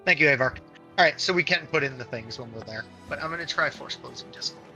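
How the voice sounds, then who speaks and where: A man's voice: mid-range voice, fast talker, over music. A man leading a game raid over voice chat, explaining patiently and restarting phrases, while his bad connection makes his voice drop out. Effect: voice chat cutting out from a bad connection. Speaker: raid leader. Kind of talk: casual voice chat instruction.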